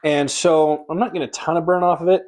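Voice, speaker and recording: A man's voice: fairly high pitch, steady tone, quick pace, a little mellow. A man co-hosting a casual podcast, teasing his partner in wry banter while tasting drinks. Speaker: podcast co-host. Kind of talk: casual chat.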